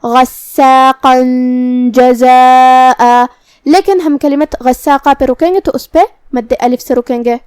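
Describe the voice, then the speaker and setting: A woman teaching Quran recitation, explaining each letter patiently and reciting verses slowly and precisely. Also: high voice, mellow, no room sound, clean studio sound. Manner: precise, patient, drawn-out articulation of each sound. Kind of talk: slow, careful tajweed lesson with recitation.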